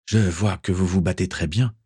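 A man's voice: deep voice, mellow, breathy edge, no echo, studio quality. A man doing a cold, haughty pirate hunter. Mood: menacing. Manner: measured, menacing.

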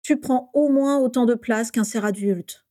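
Sleepy weary teenage boy, voiced by a woman, grumbling, raised pitch, mellow tone. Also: unhurried, no room sound, clean studio sound, natural voice. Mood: weary grumble. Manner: weary, complaining.

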